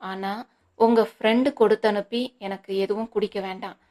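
A woman's voice: mid-range voice, fairly even intonation, moderate pace, close to an everyday voice. A woman reading as an indignant young wife. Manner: sharp and indignant. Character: angry, stubborn young wife.

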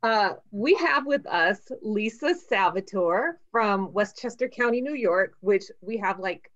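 A woman's voice: mid-range voice, expressive, unhurried, a bit bright. A woman co-hosting a podcast, chatting casually in a loose, giggly way and introducing a guest. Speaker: podcast co-host. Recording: dull lo-fi sound.

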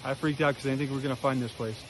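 A man's voice: mid-range voice, racing. Man in his forties, self-deprecating hiking vlogger filming himself at arm's length outdoors, faint background hiss. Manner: chatty, excitable, self-deprecating. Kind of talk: casual vlog narration. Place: outdoors in a sunny rocky canyon. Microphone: handheld camera at arm's length.

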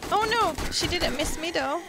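A woman's voice: very high-pitched, animated, normal speed, noisy background. A woman playing a co-op game with her husband, answering in short, laid-back replies. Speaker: co-op player, host's wife. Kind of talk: casual gameplay chat.

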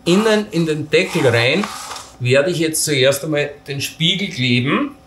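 A man's voice: fairly high pitch, animated, unhurried, a bit bright. A man casually walking through assembling camping gear step by step, talking while he handles the parts and poking fun at his own mistakes. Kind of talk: hands-on assembly tutorial. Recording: roomy echo with faint noise.

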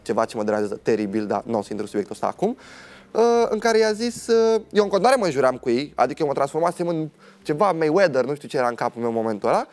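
A man's voice: fairly high pitch, big pitch swings, darkish tone. A young man, a guest on a TV talk show, telling a personal story in a dramatic way and acting out what other people said.

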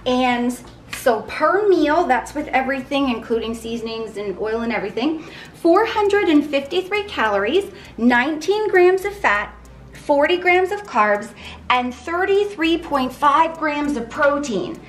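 A woman's voice: sits high, expressive, unhurried, slight background noise. A woman talking through her weekly meal prep in a home kitchen, bubbly and playful with cutesy pet words. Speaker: weight-loss vlogger. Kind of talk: casual cooking and meal-prep talk.

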